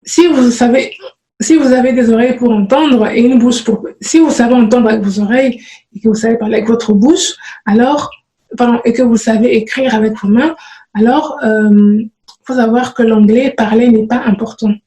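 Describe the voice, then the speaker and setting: A woman talks to her viewers in a relaxed, halting way, full of fillers and restarted phrases. Her voice sits a little high but sounds dark and mellow. The recording has a noticeable room echo. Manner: hesitant, many fillers and restarts. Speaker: programming vlogger. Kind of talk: casual spoken advice to viewers.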